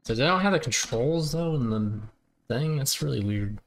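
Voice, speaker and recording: Relaxed male gamer, banters easily, lively pitch, faint background hiss. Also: moderate pace. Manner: laid-back banter, laughs a lot. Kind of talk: casual multiplayer gameplay chat.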